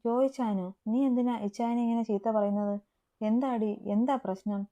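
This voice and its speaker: A woman's voice: a little high, fairly even intonation, moderate pace, mellow, lo-fi sound, pitched above the performer's own voice, natural voice. A woman voicing a teasing, bossy young student friend, in a storybook reading. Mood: indignant.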